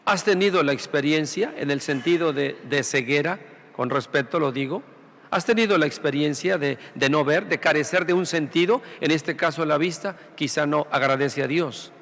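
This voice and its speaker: A man's voice: a little high, normal speed, a bit bright, big-room sound. A man who is a priest, preaching a Sunday sermon through rhetorical questions and repeated phrases. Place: large church sanctuary.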